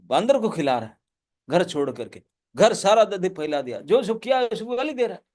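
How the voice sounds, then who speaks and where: A man's voice: high-pitched, very animated, moderate pace, a little mellow. A man voicing a stern mother who scolds and threatens her naughty child. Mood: scolding.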